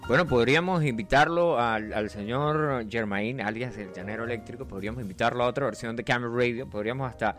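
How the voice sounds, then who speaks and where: Man, Venezuelan accent, casual podcast chat, animated slangy storytelling, music underneath. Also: mid-range voice, a little fast, few pauses. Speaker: podcast host.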